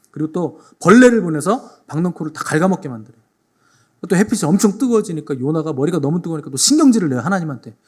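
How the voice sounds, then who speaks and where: A man pastor preaching a sermon with animated storytelling who addresses the congregation directly. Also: a little high, breathy edge.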